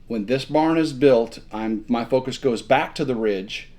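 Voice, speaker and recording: A man's voice: mid-range voice, unhurried, darkish tone. A man in his fifties co-hosting a casual chat indoors at home, joking and rambling with repeated words. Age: 50s. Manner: jokey, rambling, stammers on repeats. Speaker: co-host.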